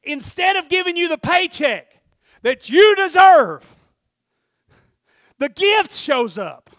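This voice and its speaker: Preaching a sermon, this middle-aged man has a high voice that rings out as he moves from hushed, intimate remarks to bursts of shouted urgency. The audio sits right up close and dry, carrying no room sound at all.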